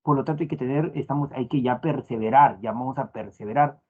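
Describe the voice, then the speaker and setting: A man teaching an online class, repeating phrases and filling pauses with "a ver" and "estamos". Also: mid-range voice, husky. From Peru. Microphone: phone. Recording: tinny phone-like lo-fi audio.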